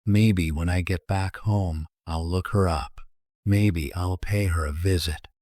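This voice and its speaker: A man's voice: sits low, fairly even intonation, darkish tone, dry recording, studio quality. A man voicing a cruel, sleep-starved killer in a horror story, with a taunting, menacing manner. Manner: taunting, menacing, drawn-out repetition. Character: murderous, sleep-starved criminal, gloating and cruel. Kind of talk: acted dialogue in horror storytelling.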